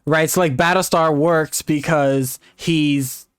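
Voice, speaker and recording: A man co-hosting a gaming podcast, chatting excitedly, swearing freely and laughing often. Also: on the high side, takes it slowly, clear, resonant tone, no room sound, clean studio sound. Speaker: podcast co-host. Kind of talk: casual chat.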